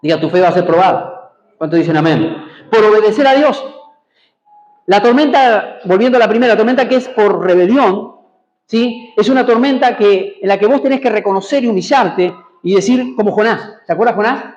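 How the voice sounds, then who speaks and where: A man's voice: high-pitched, expressive, brisk, a little mellow, reverberant, highs cut off. A man preaching a sermon in a church, prompting the congregation to repeat after him and answer amen. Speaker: pastor. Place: church hall.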